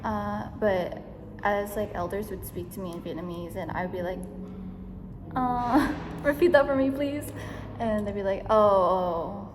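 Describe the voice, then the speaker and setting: A woman's voice: mid-range voice, unhurried. A young woman answering interview questions casually, hesitant and full of fillers, talking in loose run-on phrases. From United States. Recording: echoey room with background noise.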